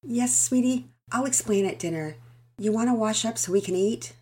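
A woman voicing a gentle, patient mother who speaks in a soft, polite, measured way. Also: on the high side, husky, pitched above the performer's own voice. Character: gentle, patient mother, calm under pressure.

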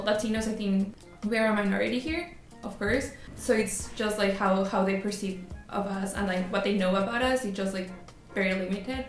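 A young woman from Ecuador, a student on a panel, speaking hesitantly with many fillers and restarts. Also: medium pitch. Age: young adult. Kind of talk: casual roundtable discussion. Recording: roomy echo, faint music.

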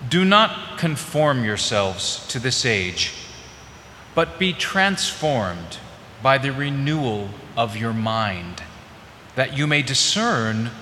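A man serving as lector, reading scripture at Mass in a slow, solemn, deliberate way, with a cathedral echo. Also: mid-range voice, pushed and bright. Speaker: lector and cantor. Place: large church. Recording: roomy church reverb, faint hiss.

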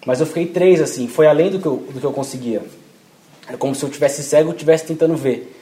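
A man's voice: a little high, fast, dark tone. A young man giving an informal sermon, talking casually with slang and acting out quoted prayers. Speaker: preacher. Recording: echoey room, faint ambient noise.

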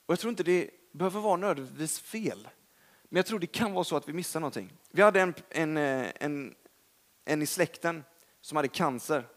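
A young man preaching a sermon in a chatty, storytelling way, self-deprecating and lively in emphasis, with a Swedish accent. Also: fairly high pitch.

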